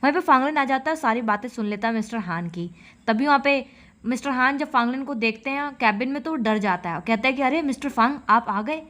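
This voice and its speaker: A woman retelling a drama's plot in a casual, fast storytelling way, full of filler phrases. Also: high voice, expressive, fairly bright tone. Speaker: drama recap narrator.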